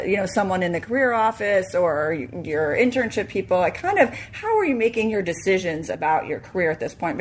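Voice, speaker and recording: Chatty woman host with rambling questions. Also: mid-range voice. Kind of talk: casual interview.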